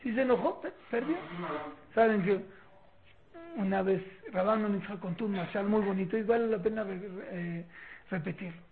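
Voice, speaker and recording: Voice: medium pitch, normal speed. A teacher with a Mexican accent giving a religious parenting lecture, acting out family scenes with mocking rhetorical questions. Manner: lively, acts out family scenes with mock questions. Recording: tinny phone-like line with faint noise.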